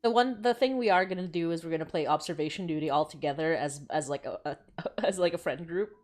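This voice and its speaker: A woman co-hosting a livestream, chatting casually in an expressive, gushing, informal way. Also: sits low, fast. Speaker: livestream co-host. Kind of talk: casual chat.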